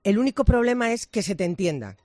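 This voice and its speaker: A man's voice: high voice, big pitch swings, quick pace, a little mellow, no room sound. Diction teacher guy asking careful questions, dry close mic. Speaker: diction teacher, radio panelist. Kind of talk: radio panel conversation.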